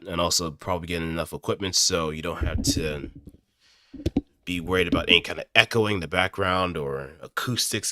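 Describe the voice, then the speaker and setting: This aspiring amateur voice actor has a deep, bright, forceful voice. He chats informally to viewers, hesitating and rambling as he thinks aloud. The close studio mic gives a dry sound with no room tone.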